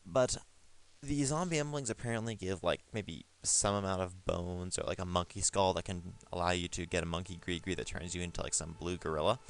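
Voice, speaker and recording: Low, gravelly man reviewing a game. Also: steady tone, fairly quick. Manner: rambling, many fillers and restarts. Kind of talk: casual game review over gameplay footage.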